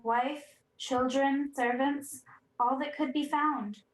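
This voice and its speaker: A woman's voice: sits high, fairly even intonation, takes it slowly. A young woman playing a sorrowful noble messenger with dreadful news in a radio Shakespeare play. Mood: grave. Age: young adult. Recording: echoey room.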